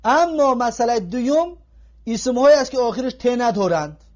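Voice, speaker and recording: A man giving an Arabic grammar lesson in a classroom lecture style, patiently repeating each example slowly. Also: very high-pitched, expressive, darkish tone. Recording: dull lo-fi recording.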